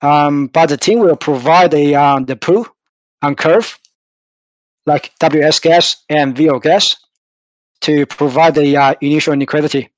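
A man's voice: fairly high pitch, measured pace, dry recording, low-quality recording. A man on a crypto community call, explaining a token design in a hesitant way with many fillers. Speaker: project team member explaining tokenomics. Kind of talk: casual AMA explanation.

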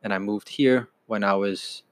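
Young man, twenties, from Denmark, low voice, casual podcast chat, relaxed storyteller. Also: moderate pace. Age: 20s. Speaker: podcast co-host.

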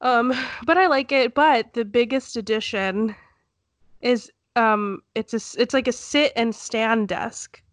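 A woman's voice: on the high side, a little slow, dry recording, studio quality. A young woman with a stuffy, congested nose, co-hosting a casual chat in a giggly, rambling way. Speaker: podcast co-host.

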